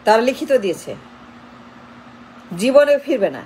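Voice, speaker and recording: A woman with a notably high voice delivers a political commentary monologue straight to her audience. She is emphatic and insistent, hammering each point with one rhetorical question after another. A faint hiss of background noise sits under her voice. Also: very animated, measured pace, darkish tone, poor audio.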